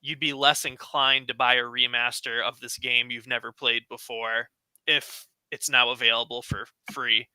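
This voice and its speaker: A man's voice: medium pitch, flat delivery, normal speed, pushed and bright, clean tone, dry recording, rough recording. A man on a podcast panel in casual chat, earnest and weighing both sides.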